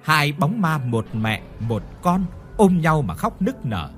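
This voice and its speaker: Expressive male horror storyteller. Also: on the high side, takes it slowly, soft background music. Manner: dramatic, expressive reading. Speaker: narrator.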